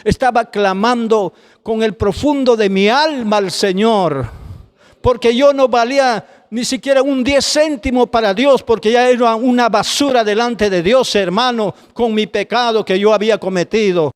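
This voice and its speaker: A high-voiced man preaches his own testimony with fervent, pleading emotion, often addressing the listener as brother. His voice rings out in a hall with long reverb. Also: normal speed, smooth. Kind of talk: testimony sermon.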